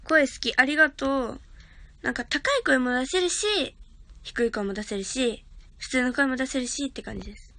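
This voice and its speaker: A young woman livestreams on her phone from her grandmother's house, chatting casually with viewers, thanking them for gifts, and calling herself a big sister. Her voice is high and expressive, fairly bright, at a normal speed, with no room sound.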